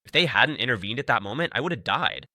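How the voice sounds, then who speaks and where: A man's voice: mid-range voice, big pitch swings, fast talker, sharp tone, no echo, clean studio sound, heavily acted. A man reading a stubborn young disciple. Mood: determined. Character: young male martial arts disciple, stubborn and determined.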